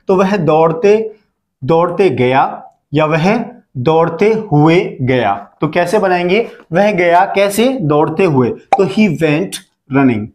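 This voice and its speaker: Male English teacher from India, higher register, unhurried, repeats examples. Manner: slow, drawn-out example sentences, repeating each phrase. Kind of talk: Hindi-language English lesson.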